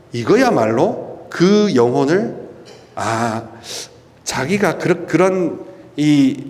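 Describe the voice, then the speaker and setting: At a prayer meeting held in a church hall, a middle-aged man who is a priest preaches with lively emphasis in a slightly high voice. His charismatic sermon features rhetorical questions and drawn-out stresses, all echoing in the large hall's long reverb.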